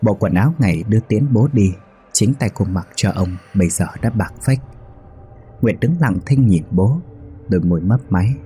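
A man calmly narrating a ghost story in a measured, scripted way. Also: lowish voice, slight background noise.

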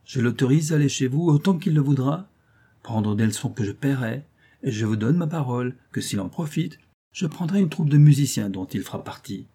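A man's voice: medium pitch, lively intonation, fairly quick, warm tone, breathy edge. A man voicing a gracious, kindly young princess in a storybook reading.

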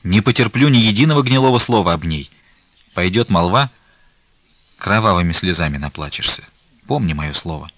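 A man reading the part of a stern, grieving old merchant, talking in a slow, weighty, reproachful way. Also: sits low, animated, fairly bright tone, dry recording, lo-fi sound.

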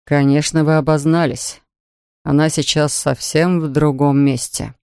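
A woman voicing a courteous middle-aged male doctor in an audiobook reading, speaking in a measured, gently wry way. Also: sits low, steady tone, clear, resonant tone, no echo, clean studio sound, voice pushed down. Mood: guarded.

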